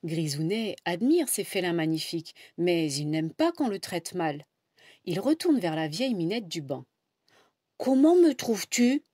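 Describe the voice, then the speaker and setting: A woman reading a children's storybook aloud in an expressive, animated way, with swooping emphasis. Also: fairly low pitch, normal speed, breathy edge, dry recording, studio quality. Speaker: storybook reader. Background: background music.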